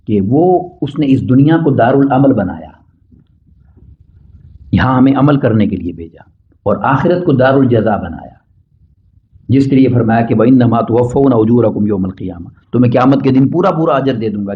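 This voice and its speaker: A middle-aged man delivering a Friday sermon as a preacher, chanting Arabic quotations slowly and then explaining them with rising emphasis on key points. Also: medium pitch, expressive, slight background noise. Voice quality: recites Arabic hadith in slow measured chant, then explains in Urdu. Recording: dull lo-fi sermon recording.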